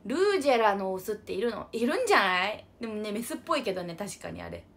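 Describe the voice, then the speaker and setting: A woman's voice: mid-range voice, wildly swooping pitch, quick pace, fairly bright tone. A young woman hosting a casual livestream, bubbly and chatty as she reads out viewer comments. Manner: bubbly, refers to herself with an unusual cutesy pronoun. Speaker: livestream idol host.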